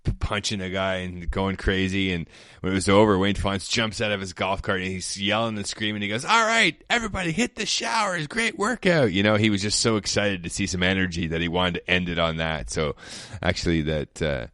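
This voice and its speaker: Man, very low voice, dry close sound, rambling anecdotal guest. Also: flat delivery, a little fast, few pauses, fairly bright tone, clean tone, dry recording. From Canada. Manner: rambling, laid-back, frequent fillers. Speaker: former pro football player, guest. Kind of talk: casual storytelling chat.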